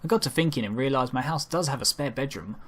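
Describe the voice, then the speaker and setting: A man reads a first-person fan fiction story aloud as an amateur narrator, occasionally tripping over his lines. His voice is mid-range and he reads at a quick pace.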